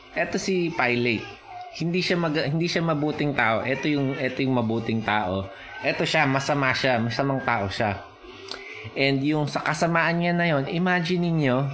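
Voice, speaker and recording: Male preacher, unhurried Taglish sermon, keeps asking listeners if they follow. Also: mid-range voice, a little hiss or hum. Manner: Taglish preaching, slow and explanatory, rising with emphasis; checks in with listeners often.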